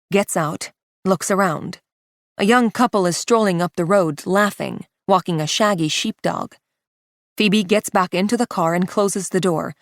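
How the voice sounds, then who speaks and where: A woman narrating a psychological thriller audiobook in a tense, hushed delivery. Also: mid-range voice, no echo, clean studio sound. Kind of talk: scripted narration.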